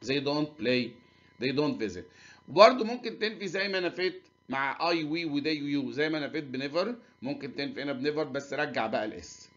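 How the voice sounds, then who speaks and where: A man's voice: a little high, expressive, a bit bright. Egyptian man teaching English grammar, lo-fi. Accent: Egyptian Arabic. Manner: reads English examples slowly, then explains quickly. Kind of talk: grammar lesson explaining English in Arabic. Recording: dull lo-fi recording.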